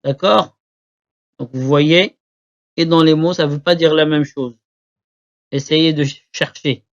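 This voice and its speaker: A man teaching Arabic letters to beginners, repeating each word slowly for learners to copy. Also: fairly high pitch, steady tone. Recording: dull lo-fi recording.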